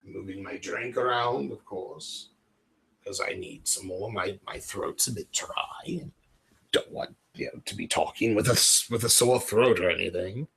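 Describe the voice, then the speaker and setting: An Ohio man hosts a casual livestream from a dim room at home, rambling in a jokey, self-deprecating way while putting on a British-sounding accent. His voice is lowish, creaky, a bit bright and slightly rough, with a measured pace.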